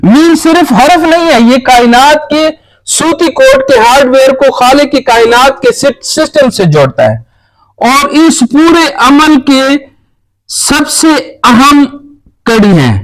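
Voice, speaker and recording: A man acting as spiritual teacher, giving a religious talk and earnestly urging his listeners in slow, emphatic phrases. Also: very high voice, expressive, low-quality recording.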